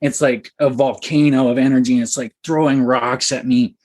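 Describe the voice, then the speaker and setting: A young man telling a story as a podcast guest, excited and animated, with many fillers. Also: medium pitch, moderate pace. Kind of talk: casual storytelling.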